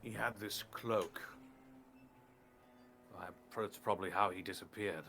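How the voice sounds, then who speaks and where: A low-voiced man thinks aloud in character during a tabletop game. He hesitates and restarts as he pieces things together. Faint room noise sits behind him. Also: fairly even intonation, unhurried, bright, forceful tone. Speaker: player. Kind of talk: in-character tabletop role-play.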